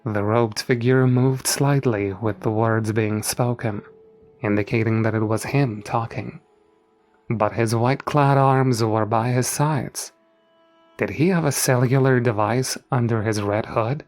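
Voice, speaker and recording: A man's voice: medium pitch, a little slow, darkish tone. A man narrating a scripted first-person horror story in a dramatic manner. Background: faint music.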